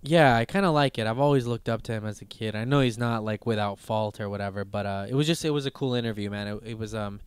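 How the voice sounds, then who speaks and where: A man's voice: lowish voice, fast talker, few pauses, clear, resonant tone. A man in his thirties hosting a podcast, talking casually in a rambling way with lots of fillers, restarts and swearing. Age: 30s. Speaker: podcast host.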